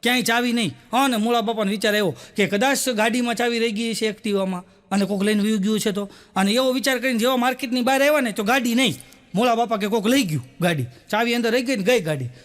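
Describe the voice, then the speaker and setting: A man's voice: very high-pitched, fast, a bit bright. A male comedian with a Gujarati accent, telling jokes as stories and voicing the people in them. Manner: storytelling with voiced quotes of characters. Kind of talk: stand-up joke telling. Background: audience laughter.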